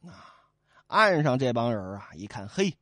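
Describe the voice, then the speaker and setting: Animated guy telling an old tale, funny asides, voice all over the place, dry close mic. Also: medium pitch, normal speed, no echo. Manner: lively, animated, playful asides. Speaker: storyteller. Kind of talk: comic traditional storytelling.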